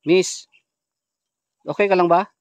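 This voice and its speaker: High-voiced man hunting ghosts. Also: fairly even intonation, slow pace, no room sound. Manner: hushed asides to viewers, loud calls into the dark. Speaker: paranormal vlogger. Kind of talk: ghost-hunting vlog narration.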